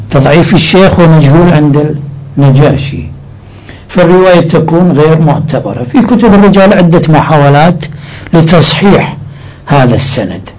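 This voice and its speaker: A man's voice: on the high side, a little mellow, muffled recording. A man teaching a seminary lecture on jurisprudence, who explains point by point and reads his sources aloud. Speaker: religious scholar teaching jurisprudence.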